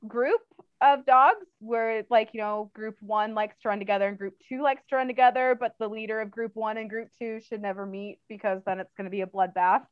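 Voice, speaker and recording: A woman's voice: on the high side, smooth, no room sound. A woman who trains dogs, speaking as an interview guest in a casual, chatty way, full of fillers and laughter, on slightly dull audio.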